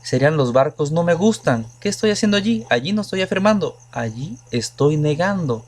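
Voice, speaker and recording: This logic teacher from Mexico sounds animated, with a slightly high voice and a fairly quick pace. In his recorded lecture he explains things patiently, using numerous examples and questioning the class.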